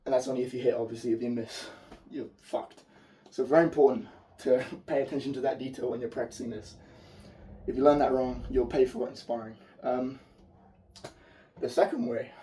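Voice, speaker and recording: A martial arts instructor with a mellow, mid-range voice gives a spoken technique tutorial while demonstrating moves, heard through a distant mic. Hoarse from a fever and losing his voice, he explains things informally and swears now and then.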